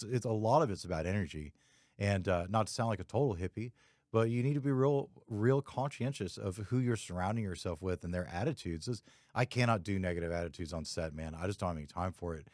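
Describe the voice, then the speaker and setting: Laid-back low-voiced man, dry sound. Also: darkish tone, dry recording. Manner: laid-back, rambling, many fillers. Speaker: podcast host, photographer. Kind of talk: casual chat.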